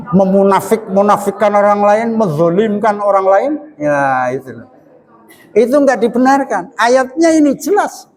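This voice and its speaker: Folksy older preacher in an echoing hall. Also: male voice, high-pitched, a little mellow. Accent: Indonesian, Javanese Banyumas. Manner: folksy, joking, acts out quoted dialogue. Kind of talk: religious study talk. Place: mosque study hall. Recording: long hall reverb.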